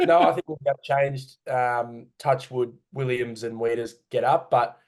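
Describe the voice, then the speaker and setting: A man's voice: mid-range voice, unhurried, darkish tone. Man, Australian accent, podcast co-host, casual chat, hesitant, self-correcting, home recording. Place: home room.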